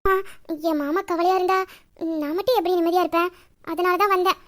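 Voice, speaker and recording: A woman's voice: extremely high pitch, fairly even intonation, a little fast. A woman voicing a devoted young wife in an audio drama, sulky and soothing by turns.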